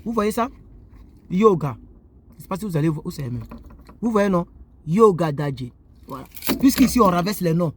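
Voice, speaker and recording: A man's voice: sits high, moderate pace, pauses often, breathy edge. A man from Côte d'Ivoire, seated indoors and delivering a preachy monologue straight to his viewers. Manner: animated, preachy, addresses viewers directly. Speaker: YouTuber. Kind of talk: moralizing monologue to camera.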